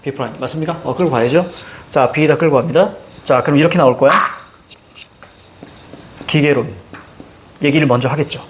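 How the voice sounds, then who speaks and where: A middle-aged man teaching a reading lesson, emphatic and constantly quizzing his students with quick check-in questions. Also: a little high, a little hiss or hum.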